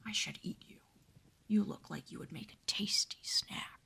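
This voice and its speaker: A woman voicing a big, boastful male lion in a gruff, mocking whisper for a whispered role-play bedtime story. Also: mid-range voice, normal speed, sharp tone, full character voice.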